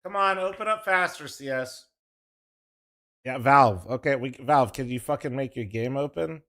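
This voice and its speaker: The young esports co-streamer has a mid-range, animated voice with a fairly bright tone, talking at normal speed. In his casual live chat with viewers, he swears, wanders off topic and teases a friend.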